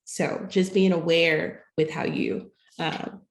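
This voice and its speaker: A woman's voice: low-pitched, fairly even intonation, slow, creaky, echoey room. A woman co-hosting an advice podcast who talks in a rambling way, with restarts and slips. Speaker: podcast co-host. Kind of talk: casual advice podcast chat.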